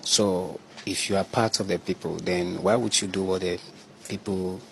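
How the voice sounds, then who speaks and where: Man, very deep and flat, stumbling through answers when questioned. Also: creaky, a little hiss or hum. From Nigeria. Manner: hesitant, halting, stumbling answers. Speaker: pastor.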